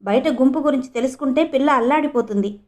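A woman reading as a caring woman doctor in a storybook, cautious and concerned. The voice is high. She speaks with quiet urgency. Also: fast talker, natural voice. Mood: worried.

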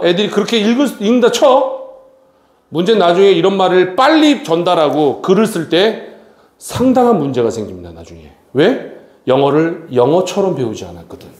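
Middle-aged male teacher, bright lively delivery swooping up and down, chatty with students, roomy classroom sound. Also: on the high side. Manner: animated, addresses students as kids, frequent tag questions. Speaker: academy English teacher. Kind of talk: classroom grammar lecture. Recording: echoey classroom.

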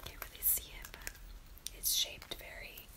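A young woman chatting in a playful whisper for an ASMR video, close to the microphone. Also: normal speed. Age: young adult. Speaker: ASMR creator.

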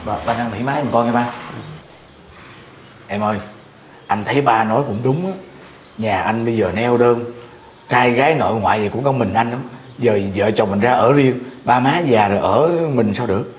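A man's voice: mid-range voice, moderate pace, pauses often, a little hiss or hum, lightly acted. A man in his thirties with a southern Vietnamese accent, acting a dutiful adult son in a comedy skit, deferential and pleading. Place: tiled living room. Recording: echoey living room.

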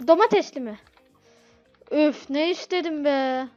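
In dull, lo-fi audio with game music behind her, a gameplay host casually narrates her restaurant game. Her high voice has a darkish tone and a measured pace, and she sounds flustered as she begs impatient customers for patience.

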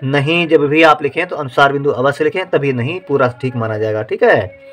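A man teaching how to write words, slowly sounding out each syllable and repeating words like dictation. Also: mid-range voice, soft background music. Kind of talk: slow dictation-style writing lesson.

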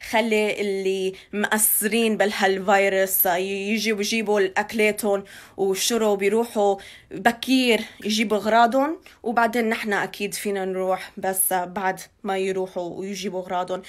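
A woman's voice: medium pitch, level tone, brisk. A woman in her twenties with a Levantine Arabic accent, giving an informal live news update into a phone held at arm's length indoors. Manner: code-switches between Arabic and English. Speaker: local news reporter giving community updates. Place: small indoor room.

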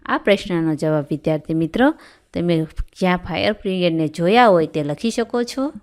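A woman teacher with a Gujarati accent reads aloud to schoolchildren in a low, steady voice. She moves through the story and then works through each question and answer in a clear, measured way. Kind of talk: reading a story aloud and going through a textbook exercise.

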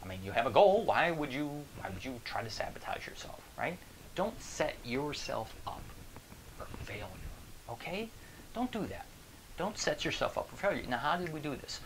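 A man in his forties, a motivational speaker, talking straight to the camera in an animated, joking way, recorded on a lapel mic in a small room. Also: mid-range voice, normal speed, noisy background. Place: small indoor room with a screen behind.

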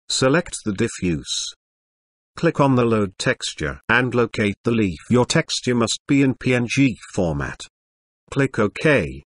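A stilted, synthetic male computer voice, like an old speech synthesizer, presents a scripted software tutorial at medium pitch with no echo.

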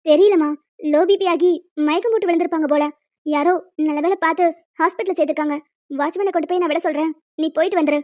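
A woman's voice: very high voice, fairly even intonation, fast, no room sound, muffled recording, pitched below the performer's own voice. A woman voicing a stern hostel warden lady. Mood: concerned. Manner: scolding, bossy. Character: stern middle-aged female hostel warden. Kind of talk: cartoon voice acting.

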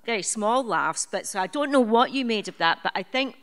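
On a theatre stage, a woman serving as assistant director speaks on a live panel through a handheld mic. Her voice is a little high and a bit bright, fairly quick, with lively intonation, and she's chatty, often restarting sentences and using fillers.

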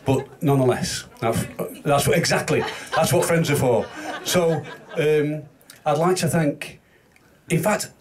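A man's voice: a little high, a little slow. Hesitant man with a Salford accent. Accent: Northern English, Salford. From England. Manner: hesitant, self-deprecating, many restarts. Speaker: award winner giving thanks. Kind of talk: halting acceptance speech. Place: awards event indoors.

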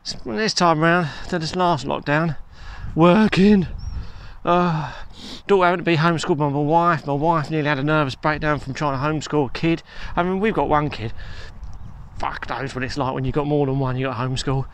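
Man vlogging on a walk, rambling and self-deprecating, slightly higher voice, handheld phone mic outdoors. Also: normal speed, smooth. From England. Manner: rambling, chatty, self-mocking. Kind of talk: casual walking vlog chat. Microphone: handheld phone camera.

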